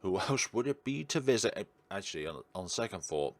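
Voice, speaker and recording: A man with a lowish, sing-song voice talks briskly, with no room sound audible. He's a gaming video host doing a let's play, voicing visual novel text and chatting in asides between passages.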